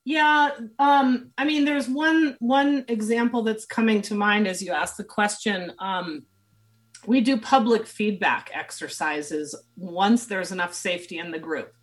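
Speaking at medium pitch and a measured pace, this female guest, a leadership and team consultant, works through interview questions aloud with fillers and restarts as her voice gives out.

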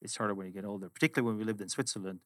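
A middle-aged Swedish man, a finance executive whose first language is Swedish, speaks with a Swedish accent as a guest in a casual interview, reflectively telling stories about his work. His voice is on the low side and fairly bright, and he talks at a racing pace. The recording is studio quality with no room sound.

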